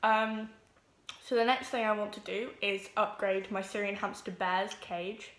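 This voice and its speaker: A teenage girl, introducing her vlog at home, nervous and quick, with lots of ums. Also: medium pitch, level tone, fairly bright tone, echoey room. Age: teens. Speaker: vlogger. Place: home room with pets.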